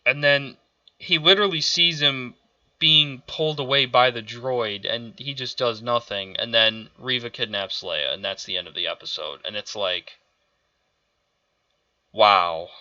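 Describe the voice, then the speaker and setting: A man's voice: medium pitch, unhurried, sharp tone, no room sound, muffled recording. A man ranting through a show review, exasperated and profane, stumbling over restarts as he vents. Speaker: video reviewer.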